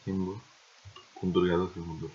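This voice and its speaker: A young man giving casual gameplay commentary, swearing and exasperated, with excitable outbursts. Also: deep voice, a little fast, a little hiss or hum. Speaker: gaming video host. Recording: dull lo-fi recording.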